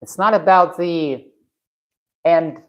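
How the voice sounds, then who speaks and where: A woman from Russia speaks slowly in a fairly low voice while hosting a casual live stream from her garage. She answers viewers' comments frankly and bluntly, with many restarts.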